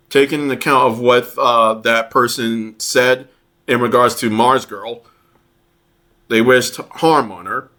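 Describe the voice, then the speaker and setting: A man commenting on online posts, reading them aloud in a halting way with many fillers and restarts. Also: mid-range voice, sharp tone. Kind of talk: casual commentary over screenshots.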